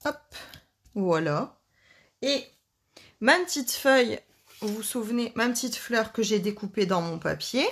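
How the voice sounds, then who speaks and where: A woman's voice: a little high, animated, unhurried, husky. Woman, casual live craft host, talkative and playful with her audience. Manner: chatty, joking asides to viewers. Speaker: card-making live host.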